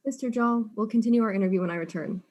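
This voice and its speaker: An actress playing a polite but persistent female detective in a student audio drama, asking calm, probing questions. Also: on the high side, very fast, close to an everyday voice.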